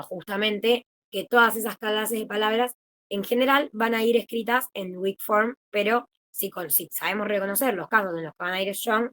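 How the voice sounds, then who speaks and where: A woman's voice: mid-range voice, a bit bright. A young woman with an Argentine accent, a peer tutor explaining things in a chatty, easygoing way over a video call. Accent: Argentine Spanish. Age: young adult. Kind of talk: informal online study session.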